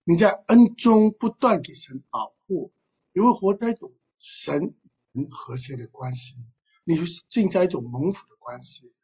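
A husky preacher delivers a sermon in a lively voice that rises and falls widely. The delivery is fervent and is broken up by frequent throat-clearing and drawn-out "ah" fillers. The sound comes through a dull, lo-fi recording. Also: medium pitch. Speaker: pastor.

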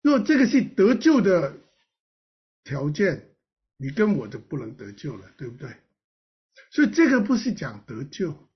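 A man preaching a sermon as pastor, earnest, with emphatic rises and soft drops. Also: fairly high pitch, breathy edge, highs cut off.

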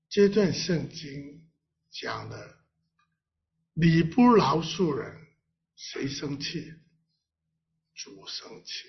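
A man's voice: fairly high pitch, gravelly, slight background noise. A man pastor preaching a sermon in a playful way, full of rhetorical questions and reading scripture aloud. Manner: reads scripture aloud with the congregation. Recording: dull lo-fi recording.

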